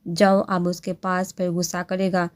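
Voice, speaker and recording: A woman's voice: fairly low pitch, monotone, normal speed, natural voice. Woman reader as an elderly grandmother, firm and coaxing, audiobook. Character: kindly old grandmother giving firm advice.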